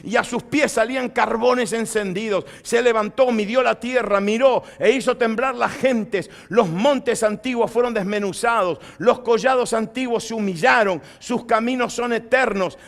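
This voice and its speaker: A man preaching a sermon in a notably high voice. He asks his listeners questions in lively style, then reads scripture out in loud, forceful bursts. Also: moderate pace, creaky, few pauses. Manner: lively preaching, rising to loud proclamation when reading scripture. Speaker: pastor.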